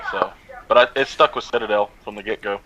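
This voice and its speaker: A man's voice: lowish voice, steady tone, fast talker, muffled recording, noisy background. A man giving brief, plain answers in a casual chat.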